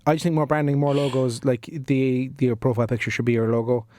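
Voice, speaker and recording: A man's voice: medium pitch, little pitch movement, fast, a little mellow, no room sound. A man co-hosting a podcast in a playful, joking way. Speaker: podcast co-host. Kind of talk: casual podcast chat.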